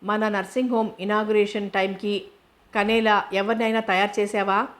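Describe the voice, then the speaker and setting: Woman narrator doing a mischievous male friend, teasing, kept flat. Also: mid-range voice, normal speed, close to an everyday voice. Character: playful young man, teasing friend.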